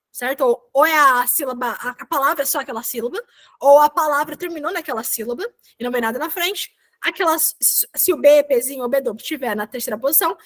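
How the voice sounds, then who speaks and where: A young woman teaching a language lesson over a video call, chatty, checking in with her students every few sentences. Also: high-pitched. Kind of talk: online class explanation.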